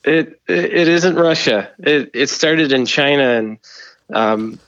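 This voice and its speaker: A man's voice: on the high side, slow, a bit bright, no echo, muffled recording. A man playing a flustered, stammering mission control operator, heard over a radio link in a comedy skit.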